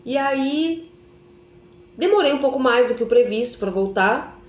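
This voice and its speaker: A woman's voice: high-pitched, lively intonation, a little slow. A woman telling a personal faith testimony, chatty and often turning to her viewers with little tag questions. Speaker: vlogger giving a faith testimony. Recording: echoey room.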